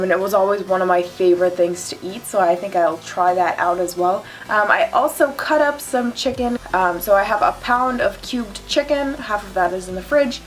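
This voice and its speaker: A young adult woman talking informally and chattily as a fitness vlogger, with some self-deprecating asides. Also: mid-range voice. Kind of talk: casual instructional vlog talk.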